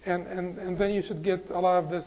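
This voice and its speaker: A man from Egypt giving an Islamic lecture, halting and repeating words with many fillers. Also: high-pitched, little pitch movement. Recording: dull lo-fi recording.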